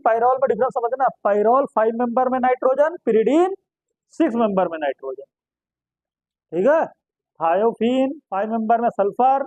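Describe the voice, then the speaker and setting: A man teaching chemistry in a very high voice. He keeps quizzing his class and answers his own questions at once. The sound is dry and close, with a dull, muffled tone. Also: a little mellow, no echo. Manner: asks students questions and answers them himself, repeats terms. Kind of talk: classroom lecture.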